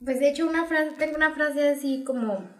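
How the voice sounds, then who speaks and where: A woman's voice: sits high, fairly quick. A woman co-hosting a podcast, chatting casually and telling stories with lots of giggling. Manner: giggly, animated storytelling. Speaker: podcast co-host. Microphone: podcast microphone. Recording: roomy echo.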